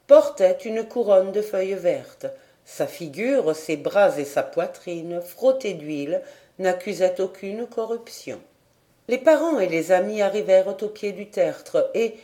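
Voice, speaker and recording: A woman reading a classic adventure novel as an audiobook, with measured, even storytelling. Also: medium pitch. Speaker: audiobook reader.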